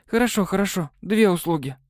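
A man's voice: sits high, expressive, a little fast, dry recording, studio quality, voice pushed up. A man reading an audiobook, voicing a cheeky, proud young rich girl in a raised voice. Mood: pleading. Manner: cheeky, bossy.

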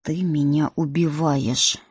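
Woman narrator doing arrogant ice dragon prince: slow, low growl, husky, dry close read. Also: dry recording. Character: arrogant male ice dragon prince, stern academy dean.

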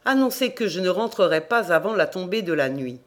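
An audiobook reader voicing a solemn, commanding old peasant with a sorcerer's air, reading the lines gravely. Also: medium pitch, sing-song, fairly quick, close to an everyday voice.

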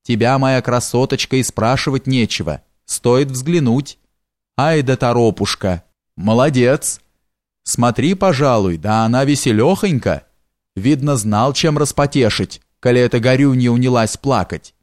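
A man's voice: mid-range voice, animated, a little slow, dry recording, studio quality, close to an everyday voice. A man voicing a sly, fawning male steward in an audiobook, with a coaxing, wheedling way of talking. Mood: jovial.

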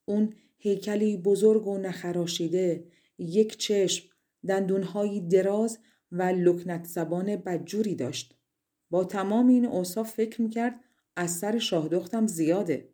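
A woman from Iran narrating a fairy tale audiobook in a measured storytelling manner. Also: mid-range voice, dark tone.

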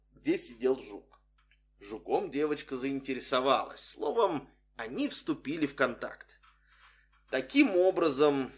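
A man reading a humorous story aloud as scripted narration, with a dry, wry storytelling manner. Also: mid-range voice. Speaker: audiobook reader.

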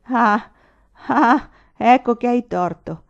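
A woman reading aloud voices a drunk young male army lieutenant who talks loudly and boastfully. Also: fairly high pitch, animated, normal speed, pitched above the performer's own voice. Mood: drunken, blustering. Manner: loud, boastful, sobbing and angry by turns. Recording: slightly dull, lo-fi recording.

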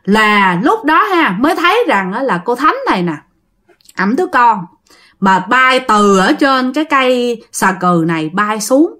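A woman's voice: on the high side, sing-song, a little slow, pushed and bright. A woman with a Southern Vietnamese accent telling a ghost story in a chatty way, addressing her listeners directly.

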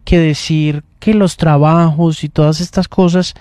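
A man hosts a morning radio chat, thinking out loud in long reflective stretches. His voice is mellow and sits a bit high. The studio sound is dry and close. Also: fairly even intonation, unhurried, no echo. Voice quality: talks in long, reflective runs with restarts. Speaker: radio host.

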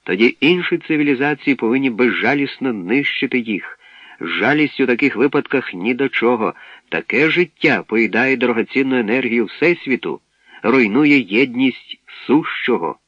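A man's voice: mid-range voice, animated, moderate pace, no room sound, natural voice. A man voicing a stern adult male spaceship captain who speaks firmly and decisively, on a dull, dry recording.

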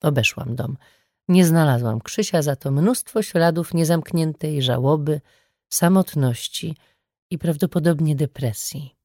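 Low-voiced woman narrating an audiobook. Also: a little slow, dark tone, dry recording, clean studio sound. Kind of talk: first-person scripted narration.

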